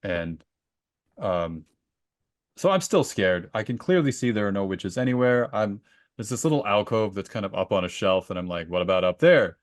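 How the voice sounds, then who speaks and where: With a fairly low, sing-song voice at a moderate pace, a male co-host tells stories and acts out recalled dialogue in a casual podcast about books and personal anecdotes. The studio recording is clean, without echo.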